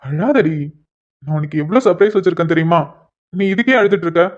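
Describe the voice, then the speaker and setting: A woman voicing a shy young husband in a cartoon, speaking softly and apologetically one moment and teasing his wife the next. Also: on the low side, animated, fast talker, natural voice. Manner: soft, apologetic then playfully teasing. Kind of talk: cartoon dialogue voice acting. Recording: dull lo-fi recording.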